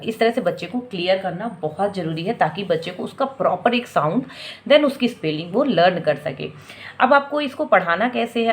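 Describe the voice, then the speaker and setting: A woman giving a lesson for parents, sounding out syllables slowly and repeating them. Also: mid-range voice. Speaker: teacher giving parenting tips. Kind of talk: slow instructional lesson.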